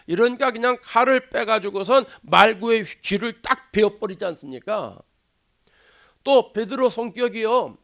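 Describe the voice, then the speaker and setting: A male pastor delivering a sermon at a church, acting out quoted speech and dropping to near whispers for emphasis. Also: high-pitched. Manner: animated preaching, acts out quoted voices, drops to a hush. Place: church sanctuary.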